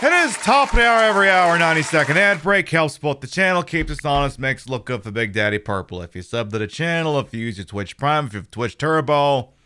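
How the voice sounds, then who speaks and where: A man's voice: mid-range voice, brisk, few pauses, sharp tone, some chatter behind, a little hiss or hum. A man hosting a casual game livestream with joking, sarcastic, sweary commentary. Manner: sarcastic, profane. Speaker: game streamer, host.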